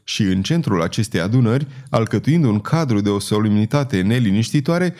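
A man narrating a historical novel as an audiobook in a steady, solemn way. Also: lowish voice. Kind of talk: dramatic novel reading.

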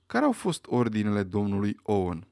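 A man reading aloud, voicing a stern, authoritative elderly judge with a dry, measured, commanding manner. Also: lowish voice, wildly swooping pitch, gravelly, darkish tone, smooth, no room sound, heavily acted.

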